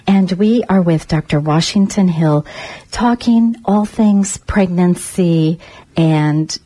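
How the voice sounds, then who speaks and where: A woman's voice: on the low side, slow, dark tone, slightly rough. A woman hosting a radio interview in a reflective, polite manner. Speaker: radio host.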